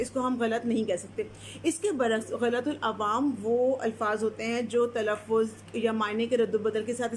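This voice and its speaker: A woman's voice: fairly high pitch, slight background noise. A woman giving a live online lesson on correct grammar, explaining patiently and answering viewers' comments as she goes. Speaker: Urdu language teacher.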